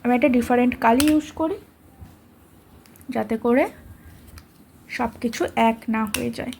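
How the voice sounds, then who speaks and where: Female teacher, high register, patient and repetitive, spells out each letter slowly and checks in with students. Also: vocal fry, darkish tone, slight background noise. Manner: patient, repeats letters slowly, asks "ঠিক আছে?". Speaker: grammar teacher. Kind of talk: explaining a lesson to students.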